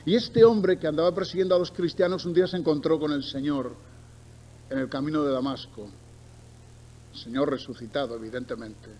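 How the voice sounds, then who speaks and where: A middle-aged Barcelona preacher with a Spain accent talks a little fast in a fairly high, slightly mellow voice, delivering a sermon of Bible reading and storytelling with emphatic repetition and conversational asides. The recording is rough, with noticeable background noise.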